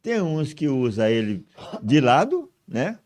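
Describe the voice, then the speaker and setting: A man's voice: medium pitch, very animated, measured pace, darkish tone, no room sound. A male pastor hosting a church talk show, explaining in a teacherly way with many hesitant restarts. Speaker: pastor and host. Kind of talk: preaching-style talk show chat.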